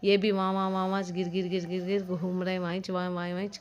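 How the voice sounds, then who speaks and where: A woman's voice: on the low side, monotone, fast, muffled recording, a little hiss or hum. A young woman, vlogging in a rambling, complaining, chatty way with lots of fillers. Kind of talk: casual vlog narration.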